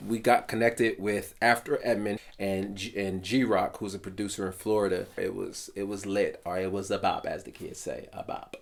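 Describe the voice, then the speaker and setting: A man casually and playfully talking through the songs of his own album, lively and animated. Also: sits low, normal speed, creaky, few pauses. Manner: playful, animated, puts on voices. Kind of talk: casual talk to camera.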